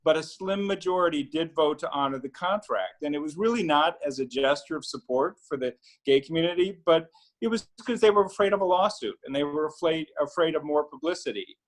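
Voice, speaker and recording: A middle-aged man, an attorney, telling a story on a video call panel in a relaxed way with many fillers and restarts. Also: a little high, fairly quick, rough recording. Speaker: attorney and newspaper founder.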